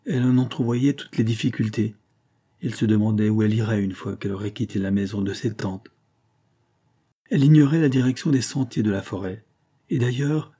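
A man narrating a classic novel as an audiobook in a steady, even storytelling delivery. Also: fairly low pitch, husky.

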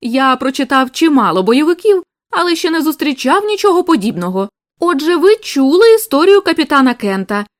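Woman reading a blunt male inspector: offhand and worldly, high lively voice, dry audiobook read. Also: brisk, hardly any pauses, dry recording. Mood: breezy.

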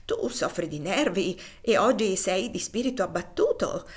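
A woman voicing a devoted, tender middle-aged father in an audiobook reading, gentle and soothing. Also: mid-range voice, animated, moderate pace, husky.

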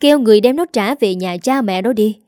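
A woman's voice: fairly high pitch, a little fast, dark tone, no room sound, clean studio sound, natural voice. A woman reading a story, voicing a furious, domineering old mother-in-law who scolds harshly.

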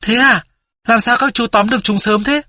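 A man voicing an eager, trusting young boy in an audiobook, talking in an excited, raised voice. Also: moderate pace, no echo, studio quality, heavily acted. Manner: excited, high-pitched. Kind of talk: audiobook character voice.

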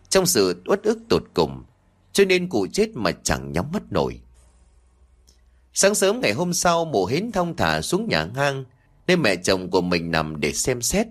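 A man narrating a scripted horror folk tale, telling it expressively and voicing the dialogue. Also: on the low side. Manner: lively, expressive storytelling with acted dialogue. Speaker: storyteller.

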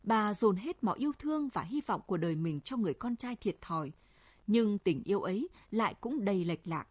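A woman with a husky voice, narrating a story in an even storytelling manner. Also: medium pitch, brisk, no echo. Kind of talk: audiobook story reading.

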